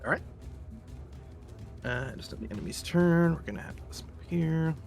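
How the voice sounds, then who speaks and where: A man running a tabletop game as game master, narrating and ruling in a relaxed, chatty way with many fillers. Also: a little high, moderate pace, creaky, faint music behind.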